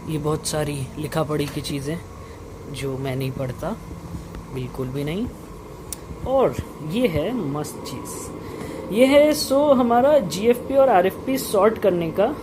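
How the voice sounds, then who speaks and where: A young man giving a casual vlog tour, informally mixing in English technical terms, his voice slightly muffled by a face mask. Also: a little high. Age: young adult. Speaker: vlogger and lab researcher. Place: indoor research lab. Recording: muffled by mask, clear equipment hum. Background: running lab equipment and air conditioning hum.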